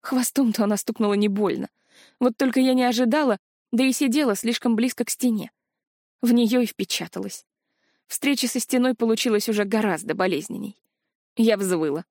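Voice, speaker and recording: A woman reading a first-person audiobook story in an even, plain way. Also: fairly high pitch, a little fast, no room sound, studio quality. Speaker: audiobook narrator.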